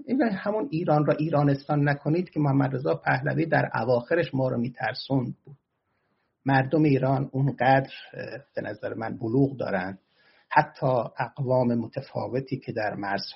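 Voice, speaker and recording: A man's voice: medium pitch, vocal fry, husky, highs cut off. A man giving argumentative political commentary and answering audience questions, often turning heated and emphatic.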